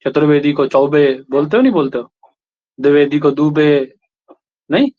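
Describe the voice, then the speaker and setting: A man's voice: a little high, moderate pace. Hindi-speaking male teacher, tag questions. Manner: keeps checking in with the class with short tag questions. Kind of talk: classroom lecture. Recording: lo-fi classroom recording.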